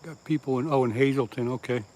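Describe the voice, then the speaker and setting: A fast-talking man from southeast Pennsylvania chats with viewers on a laid-back fishing livestream by the water. Steady in tone and darkish, his mid-range voice reads out their comments, and he laughs at his own jokes.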